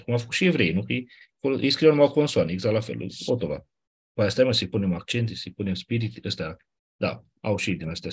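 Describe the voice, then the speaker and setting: A man with a low, husky voice is teaching a class. He explains things step by step in a conversational way and throws in quick asides to his students. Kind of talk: classroom lecture.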